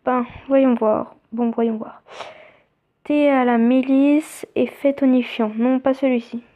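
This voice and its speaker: A young woman chatting casually as she plays a mobile game, reading its text aloud and thinking out loud. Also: high-pitched, steady tone, slow. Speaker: let's play gamer. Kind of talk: casual gameplay commentary. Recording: tinny phone-like sound.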